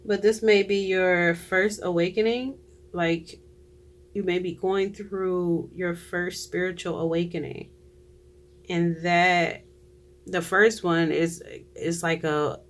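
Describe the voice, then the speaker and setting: A tarot reader giving a casual reading to viewers, chatty, often trailing off and restarting, with frequent laughs. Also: mid-range voice.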